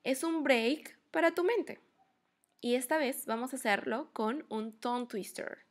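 A young woman from Peru teaching English to children in a lively online lesson, asking questions and slowing down to model each English phrase. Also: high-pitched. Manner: lively, questioning, slows to spell out English words.

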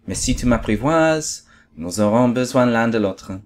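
A wistful male fox as a man reads him speaks with patient earnestness. His pleas are soft and lonely, the voice of a storybook creature. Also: mid-range voice, animated, unhurried, lightly acted.

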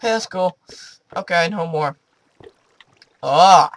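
A man's voice: high-pitched, slow pace, a bit bright, dry recording. A man doing let's play commentary, jumpy and chatty, talking to the creatures in his game. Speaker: gaming video host.

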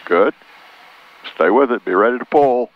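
A man's voice: mid-range voice, animated, normal speed. An older man coaching a flying student in short, instructive remarks over a cockpit headset. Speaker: flight instructor. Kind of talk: coaching during a flying lesson. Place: small light aircraft cockpit. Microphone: aviation headset boom mic. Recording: muffled headset intercom, faint engine noise.

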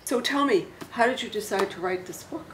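A woman's voice: fairly high pitch, animated, brisk, background noise. An older woman who hosts book interviews, speaking in an effusive, gushing way while seated in an armchair in a bookstore. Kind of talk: enthusiastic interview hosting.

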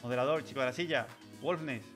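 A man's voice: mid-range voice, fast, a bit bright, soft background music. A man chatting playfully on a livestream, joking and laughing often. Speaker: miniature painting streamer. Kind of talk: casual livestream chat.

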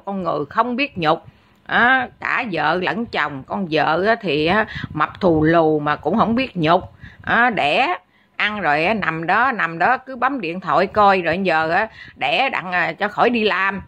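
A woman's voice: mid-range voice, sharp tone. A woman delivering a blunt, scolding rant as an online commentator, peppering every phrase with "á". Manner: scolding, blunt, repeats filler "á" constantly. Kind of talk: angry ranting commentary.

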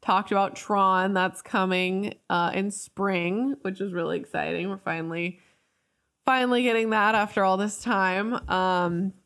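A woman's voice: medium pitch, steady tone, a little slow, fairly bright tone. A young woman co-hosting a podcast, chatting casually and upbeat at a desk mic in a small studio. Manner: upbeat, laughs along, chimes in. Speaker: podcast co-host. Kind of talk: casual chat. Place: small studio set, indoors. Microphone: desk mic on stand.

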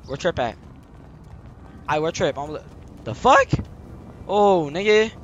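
A man streams a game, chatting casually and role-playing with friends in slangy, sweary banter. His voice is fairly high and a bit bright, animated yet slow, and the highs are cut off. Noisy game audio with vehicle sounds fills the recording.

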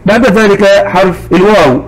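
A man with a high voice teaches young children in a recorded lesson, slow and patient, repeating every example word twice. The recording sounds rough.

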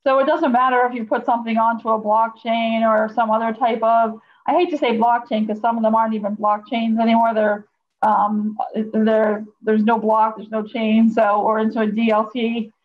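A woman's voice: on the high side, flat delivery, moderate pace. A middle-aged woman giving casual remarks as a guest on a group video call, with dull, faintly noisy audio. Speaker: guest speaker. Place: indoor room, on a video call.

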